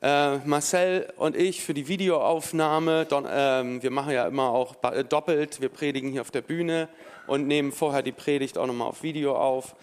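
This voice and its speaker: A man's voice: mid-range voice, steady tone, normal speed, long reverb tail. A man preaching a sermon from a church stage, talking casually with many fillers and restarts and reading a scripture passage aloud. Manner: conversational, with frequent fillers and restarts.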